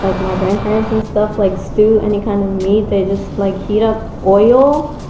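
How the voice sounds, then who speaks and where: A woman's voice: medium pitch, steady tone, normal speed, noisy background. A woman chatting casually and enthusiastically in slangy everyday language as she comments on her home cooking. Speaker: home cook describing her recipe. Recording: roomy echo, music behind. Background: background music.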